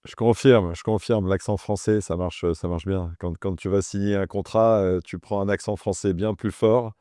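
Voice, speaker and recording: A man hosts a business interview, reacting with enthusiasm and slipping English words into his questions. His voice is low and mellow with a smooth finish. The sound is close and dry. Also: fairly even intonation, normal speed, no room sound. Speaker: podcast host. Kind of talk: casual interview hosting.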